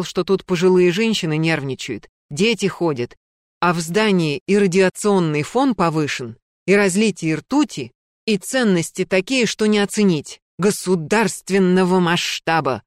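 A woman narrating a story in an even, measured audiobook style. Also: fairly low pitch, dry recording, studio quality.

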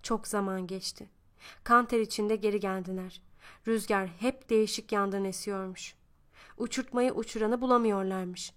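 A woman reading a novel aloud as scripted narration, telling it in a child's first-person voice and acting out the quoted adults. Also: medium pitch. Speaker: audiobook reader.

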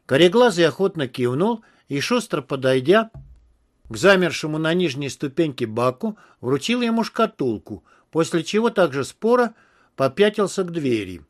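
A man narrating an audiobook in an expressive storytelling manner. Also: on the high side, moderate pace. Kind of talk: scripted narration.

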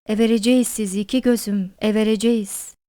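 A woman's voice: fairly high pitch, fairly even intonation, brisk, warm tone, no room sound, clean studio sound, natural voice. Woman doing a hearty older postmaster. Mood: jovial. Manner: hearty, coaxing, familiar. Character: jovial talkative older male postmaster.

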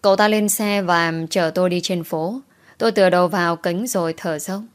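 A woman's voice: on the low side, steady tone, brisk. Woman narrating an emotional first-person story.

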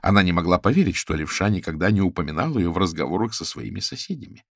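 A man reading a cozy mystery audiobook as narrator, telling it with expressive storytelling. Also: low-pitched, fast, dry recording, studio quality. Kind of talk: scripted narration.

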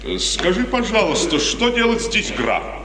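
In a 1950s Russian radio drama, an actor plays a stern, proud, suspicious middle-aged father, indignant and emphatically declamatory. His high voice swings hugely in pitch at a moderate pace, and the distant, noisy, reverberant recording carries a crowd in the background.

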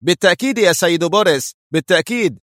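Man doing a submissive biker squad leader, uneasy, higher voice, dry recording. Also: quick pace, a bit bright, no room sound. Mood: uneasy deferential. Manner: uneasy, deferential.

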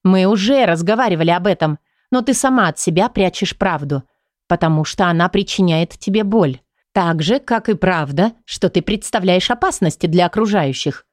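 A woman reading the lines of a calm, persistent female psychologist in an audiobook. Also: on the low side, moderate pace, no room sound, studio quality, natural voice. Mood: insistent.

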